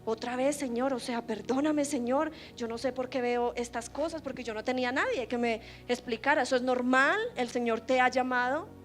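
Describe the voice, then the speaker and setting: A woman preaching a sermon, moving between loud fervent exhortation and hushed personal storytelling. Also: high-pitched, moderate pace, hardly any pauses, faint music behind. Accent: Latin American Spanish.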